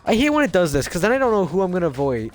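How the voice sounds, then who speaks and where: Male game streamer, lightly pitched, chatty and rambling, often cutting himself off. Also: big pitch swings, very fast, faint music behind. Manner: self-interrupting, rambling asides. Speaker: video game let's player. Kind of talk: casual game commentary with character read-alouds.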